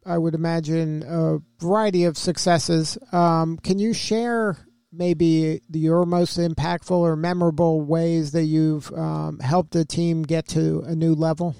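A curious male interviewer with a somewhat high voice that carries a gravelly fry yet stays smooth and resonant. The sound is dry and close, with no room around it. He strings out long questions with hedging fillers. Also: little pitch movement, measured pace, warm tone, no room sound. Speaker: interviewer, host.

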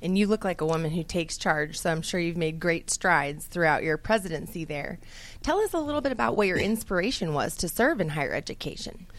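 A woman's voice: fairly low pitch, animated, fairly quick. Polished female radio host. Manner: polished, reads sponsor copy smoothly. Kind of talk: radio interview hosting.

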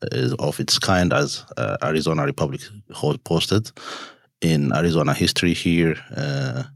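A man from Ethiopia answering in a studio panel interview, halting and with many fillers. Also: rumbling low, vocal fry, no room sound. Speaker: entrepreneur and nonprofit founder.

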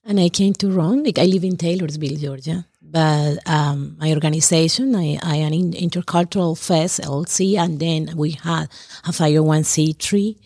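A woman from Colombia, a nonprofit founder answering interview questions in a formal, deliberate way. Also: low voice, fairly even intonation, dark tone, breathy edge, dry recording, studio quality.

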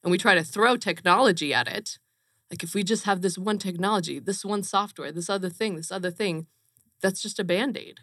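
A woman's voice: medium pitch, brisk, a bit bright, no echo, studio quality. A woman from Romania, a company co-founder, speaking earnestly and emphatically as an interview guest. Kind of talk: casual interview chat.

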